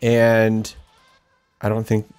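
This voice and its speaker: A man's voice: fairly low pitch, monotone, extremely slow, a little mellow, clean tone, faint music behind. A man hosting a podcast in a casual, joking, chatty way. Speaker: podcast host. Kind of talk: casual chat.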